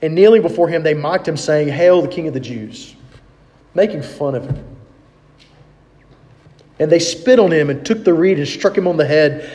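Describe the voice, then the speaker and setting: A man delivers a conversational sermon, reading scripture aloud and pausing to put questions to his listeners. His voice sits high yet mellow and soft-edged. The sound carries a long reverb, as in a large hall. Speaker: pastor.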